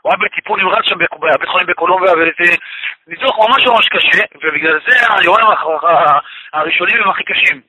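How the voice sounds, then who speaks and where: Male storyteller, high-pitched and raspy, earnest religious testimony with emphatic repetition. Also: bright, forceful tone, no echo, low-quality recording. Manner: repeats phrases for emphasis; religious expressions woven into speech. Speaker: guest telling a personal story. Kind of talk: emotional personal testimony.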